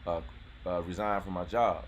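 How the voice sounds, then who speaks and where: Deep-voiced laid-back man, casual chat. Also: steady tone, normal speed, slight background noise. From North Carolina, US. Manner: laid-back, rambling, lots of "you know what I'm saying". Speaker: channel host. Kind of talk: casual live-stream chat. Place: outdoors near a golf course.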